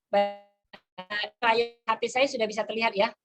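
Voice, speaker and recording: A woman's voice: fairly high pitch, flat delivery, unhurried, music in the background. A woman presenting an online lesson, explaining step by step as she demonstrates an app on her phone. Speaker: webinar presenter.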